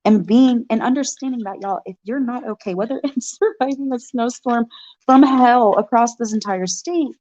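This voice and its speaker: A woman's voice: a little high, normal speed, a little mellow, highs cut off. A woman in her thirties who runs a farm and breeds dogs, talking to viewers in a casual vlog and often tossing in "y'all" and "right?" asides. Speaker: farm owner and dog breeder vlogger.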